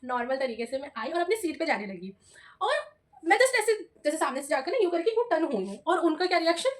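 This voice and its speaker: A young adult woman vlogger telling a personal story in a chatty, animated way, often calling her viewers "bhai". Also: high-pitched, fast talker. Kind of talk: casual storytelling vlog.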